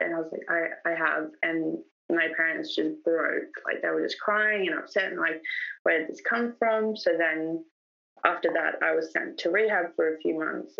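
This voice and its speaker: A woman's voice: sits low, creaky, a bit bright, far from the mic, muffled recording. A young woman from Australia, an interview guest, candidly telling her personal story in a rambling way, full of "like" fillers.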